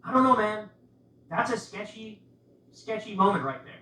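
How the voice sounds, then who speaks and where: Here a man talks politics casually to his audience, repeatedly pushing rhetorical questions. He speaks at a moderate pace in a high, expressive, sharp-toned voice, and the sound is roomy and far off with faint noise.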